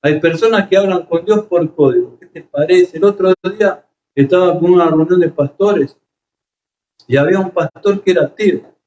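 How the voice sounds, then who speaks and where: A man's voice: high voice, normal speed, darkish tone, a little hiss or hum. A man preaching a sermon, telling stories with emotion and frequent hesitations. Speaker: pastor. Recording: echoey, slightly dull room recording.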